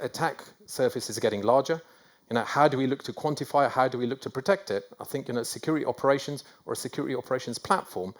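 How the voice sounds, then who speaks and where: A middle-aged man with a North London accent giving a conference talk, self-deprecating and rambling with many fillers and restarts. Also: mid-range voice. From England. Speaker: conference speaker. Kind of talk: conference presentation. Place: conference hall.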